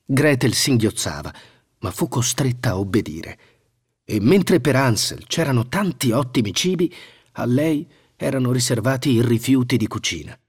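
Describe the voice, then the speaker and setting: A man reads a fairy tale aloud in an expressive storytelling voice. His pitch moves a lot, and his voice is slightly husky. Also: normal speed. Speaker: narrator. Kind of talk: scripted storybook narration.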